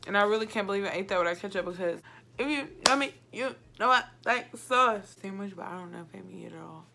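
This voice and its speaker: A woman's voice: mid-range voice, fast talker, vocal fry, bright, forceful tone. A woman in her twenties chatting casually to camera as a makeup vlogger, with a tipsy, giggly, rambling drunk manner. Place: small indoor home set, close to camera.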